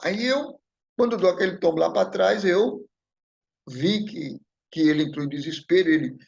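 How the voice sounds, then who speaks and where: A man's voice: sits high, normal speed, creaky, darkish tone, breathy edge, lo-fi sound. A man giving a spiritist lecture, telling a personal story in a conversational way and often checking in with the audience. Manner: conversational, repeats "né?" and addresses the audience.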